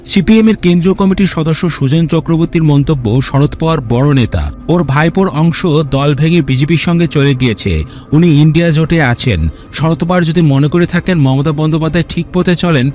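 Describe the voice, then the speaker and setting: A man reads a news report in an even, measured way. His voice sits a little high. Faint music runs underneath. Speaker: news narrator. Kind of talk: scripted news voice-over.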